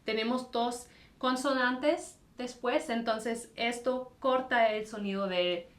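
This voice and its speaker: Woman teacher, slightly high voice, very unhurried delivery, roomy echo. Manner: slow, careful, drawn-out demonstration of words. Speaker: language teacher. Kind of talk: casual spoken lesson.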